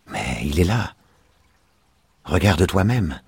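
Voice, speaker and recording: A man voicing a gentle, grieving old man of seventy who speaks in a trembling, soft voice, read as an audiobook. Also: sits low, sing-song, slow pace, creaky, breathy edge, exaggerated voice. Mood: wavering. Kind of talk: audiobook reading.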